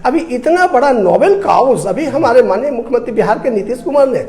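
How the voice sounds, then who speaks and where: His pitch is extremely high, his intonation lively, his delivery brisk and his tone darkish. An Indian debate guest with a Bihari accent, he comments on politics with impassioned emphasis, repeating points and asking rhetorical questions.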